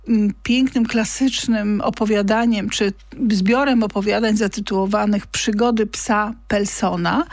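A woman's voice: mid-range voice, dry recording. A woman host presenting a recording on air, chatty with small hesitations.

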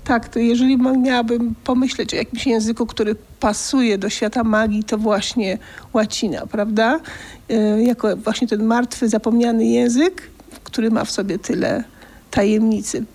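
A woman's voice: a little high, fairly even intonation, moderate pace, a little mellow. A woman hosting a radio interview, asking questions in an engaged, conversational way. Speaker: radio host.

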